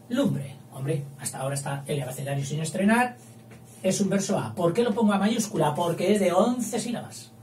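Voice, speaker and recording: A man teaching literature, chatting as he counts syllables and reads lines of verse slowly aloud. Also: fairly high pitch, darkish tone. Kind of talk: explaining poetic meter at a whiteboard. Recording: roomy, distant mic, faint hum.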